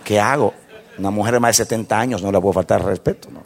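A male pastor preaching a sermon, telling a story with acted-out dialogue, laughing often, and moving between hushed asides and loud exclamations. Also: lowish voice, quick pace, vocal fry, a little hiss or hum.

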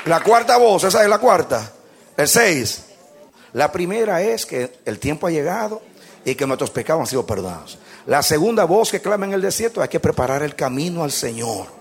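A man preaching a sermon, loud and impassioned, leading his congregation in call-and-response. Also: a little high, very animated, normal speed, a faint crowd. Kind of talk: fervent sermon.

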